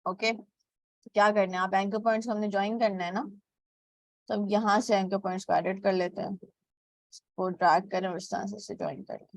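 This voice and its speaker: A woman's voice: medium pitch, fairly even intonation, a little fast, creaky, long pauses, no echo. A woman teaching graphic design step by step, with a frequent "okay" between steps and English terms mixed into her speech. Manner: mixes English words into Hindi. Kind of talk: screen-recorded software tutorial.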